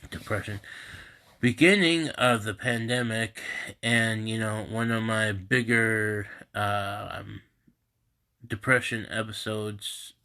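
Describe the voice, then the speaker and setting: A man with a lowish voice that still sounds bright and forward, stuffed up and congested. He talks slowly in a halting, rambling way, with a lot of restarts. It is a casual live stream recorded on a phone at home. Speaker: host of a live group stream. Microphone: phone camera.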